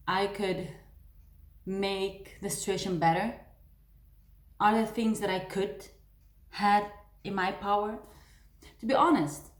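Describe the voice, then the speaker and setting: A woman vlogger telling a personal story to the camera in an earnest, confiding way, often restarting her sentences. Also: lowish voice. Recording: roomy echo.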